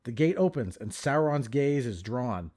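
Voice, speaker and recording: A man's voice: medium pitch, animated, unhurried, darkish tone. A man co-hosting a podcast, recapping and discussing a film in a casual way. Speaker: podcast co-host.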